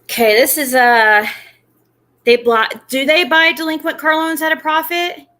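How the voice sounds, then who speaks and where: A woman's voice: sits high, fairly even intonation, unhurried, pushed and bright. A woman giving casual live commentary, thinking aloud as a host.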